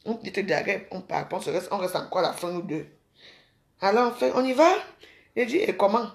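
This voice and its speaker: A woman's voice: mid-range voice, lively intonation, a little fast, vocal fry, echoey room. A woman from Cameroon, rambling casually to her viewers and calling them sisters. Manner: chatty, addresses viewers as sisters. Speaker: vlogger.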